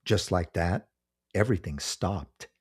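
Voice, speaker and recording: Deep, husky male horror story narrator. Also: unhurried, a little mellow.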